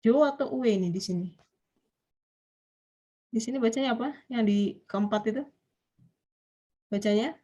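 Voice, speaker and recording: A woman's voice: on the high side, normal speed, pauses often, mellow, highs cut off. A woman with an Indonesian accent teaching a Japanese grammar class online, explaining step by step and often putting questions to her students.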